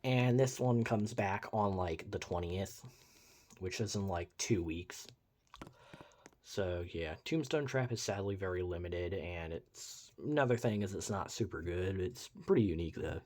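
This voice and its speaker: A man's voice: low voice, measured pace, a little mellow, slight background noise. A young man giving casual, rambling commentary over gameplay, full of "like" and "uh", with wry, sarcastic asides. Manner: rambling, uses many fillers like "like" and "uh". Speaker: gameplay reviewer.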